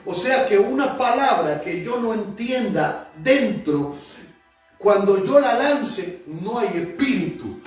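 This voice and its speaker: A male pastor preaches a sermon to his congregation in a very echoey church hall, picked up by a distant mic with faint music behind. His voice sits high and animated, and he takes it slowly, emphatic and repeating phrases for effect.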